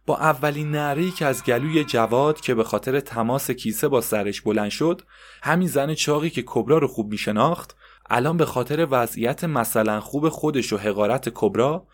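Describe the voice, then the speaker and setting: A man narrating a story in a steady, descriptive way with occasional conversational asides. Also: medium pitch.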